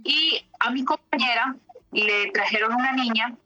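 A woman therapist recounts cases from her practice in a bright, fairly high voice. She talks reflectively, with pauses and fillers. The recording sounds dull and lo-fi. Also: faint music behind. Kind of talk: telling case stories in an interview.

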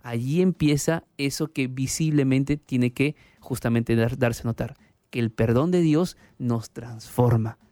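Mellow-voiced earnest male pastor. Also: medium pitch, measured pace, dry recording. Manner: earnest, emphatic storytelling. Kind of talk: preaching testimony.

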